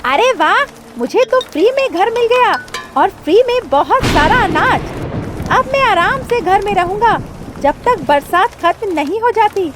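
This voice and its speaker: A woman voicing a greedy, scheming male crow in a cartoon, with a shrill, boastful manner. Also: lively intonation, measured pace, background noise. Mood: gloating.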